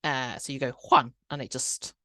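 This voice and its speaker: A woman's voice: sits low, expressive, a little fast, fairly bright tone. A woman hosting a podcast, explaining things step by step in casual chat, with many restarts and fillers. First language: Cantonese. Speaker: podcast host.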